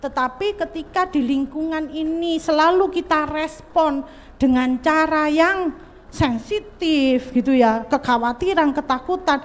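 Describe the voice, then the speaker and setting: A woman psychologist giving an animated seminar talk to parents and teachers, often speaking to the audience directly. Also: sits high, a little slow. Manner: animated, mixes in local dialect, addresses audience directly. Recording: echoey hall reverb.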